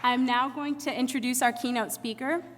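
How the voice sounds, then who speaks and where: A woman's voice: high-pitched, fairly even intonation, normal speed, fairly bright tone, a faint crowd. A young woman student emcee giving an earnest prepared speech and introducing a guest. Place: large hall with audience. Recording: long hall reverb.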